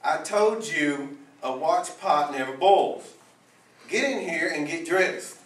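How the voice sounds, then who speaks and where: A man's voice: fairly high pitch, lively intonation, slow pace, echoey room, distant mic, a little hiss or hum. A man acting as a fussing middle-aged mother in a school play, scolding in a motherly drawl. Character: fussing Southern mother Rose, middle-aged, bossy but loving. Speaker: student actor.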